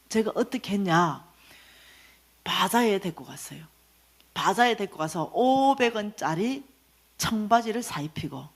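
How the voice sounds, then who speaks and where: Animated woman preaching a testimony. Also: medium pitch. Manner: animated storytelling, acting out quoted voices. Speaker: church finance lecturer. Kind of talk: testimony sermon lecture.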